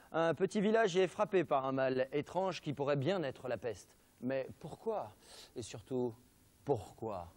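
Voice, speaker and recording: A man's voice: high-pitched, darkish tone. A man with a French accent hosting a television show, presenting film history with an ironic, mock-serious delivery and jokey asides.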